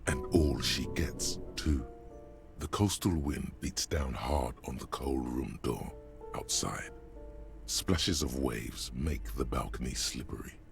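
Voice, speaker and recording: An actor voicing an all-knowing male narrator in a game, speaking in a grave, measured way. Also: rumbling low, vocal fry, exaggerated voice. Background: game music.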